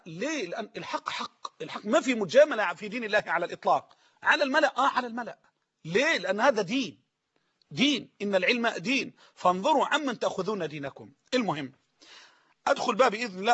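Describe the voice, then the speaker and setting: A man preaching a sermon-style lesson with an Egyptian Arabic accent, emphatic, slowing down to repeat sayings so listeners can write them down. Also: high voice, fairly bright tone, husky, dull audio.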